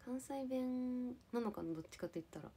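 A woman's voice: on the high side, lively intonation, brisk, dark tone, breathy edge. A young woman from Japan casually chatting with viewers on a livestream, playful and giggly as she answers comments. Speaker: live streamer.

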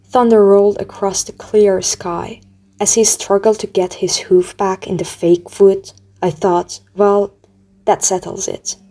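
Mellow-voiced woman narrating an audiobook. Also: medium pitch. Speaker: audiobook reader. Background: faint music.

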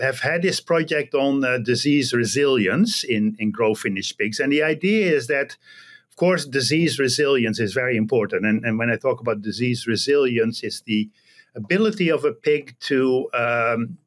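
A middle-aged Dutch man from the Netherlands, an animal genetics researcher, speaks as an expert guest in an interview over a computer video call that sounds like it's from a small office. His pitch is medium, and he explains haltingly and hesitantly, often repeating words as he goes.

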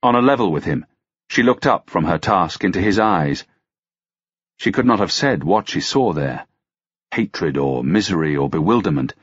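A man narrating a historical romance audiobook in a measured, dramatic reading style. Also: deep voice, breathy edge, dry recording, muffled recording.

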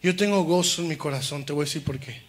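A man preaching a sermon in church with passion, going from loud outbursts to hushed appeals. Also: a little high, fast talker.

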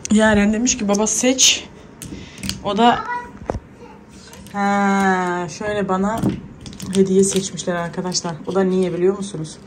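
A woman's voice: medium pitch, fairly even intonation, measured pace, long pauses, noisy background. A woman in her thirties with a Turkish accent, chatting to viewers in a casual home vlog while she cleans and calls after her kids. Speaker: vlogger, mother.

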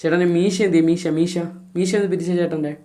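A man's voice: high-pitched, fairly even intonation, brisk, warm tone. A man filming himself playing with a toddler, using coaxing, repetitive baby talk full of sing-song questions.

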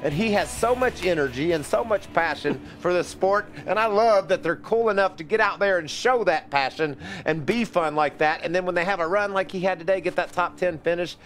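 Race analyst with music behind. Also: male voice, high voice, a little fast, hardly any pauses, fairly bright tone. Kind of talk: broadcast commentary.

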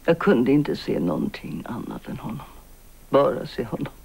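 A gravelly, guilt-ridden woman in her sixties. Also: a bass voice, sing-song, heavily acted. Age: 60s. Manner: hushed, halting, often whispered confession. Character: aging woman writer, guilt-ridden, bitter, intense. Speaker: confessing older woman. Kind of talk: 1990s Swedish TV drama acting.

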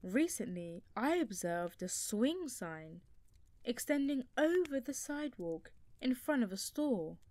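A woman reading a classic nonfiction book aloud as an audiobook narrator, in a steady, measured way. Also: fairly high pitch, no echo.

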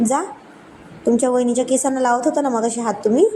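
A woman's voice: a little high, steady tone, quick pace, dark tone, a little hiss or hum, lightly acted, rough recording. A woman voicing a playful young wife who pouts and teasingly refuses her husband. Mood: sulky.

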